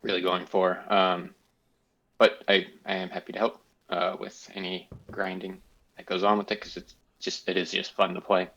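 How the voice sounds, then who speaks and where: Gravelly-voiced man in casual gaming chat. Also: normal speed, lo-fi sound. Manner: playful, rambling, animated swings in pitch. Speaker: podcast co-host.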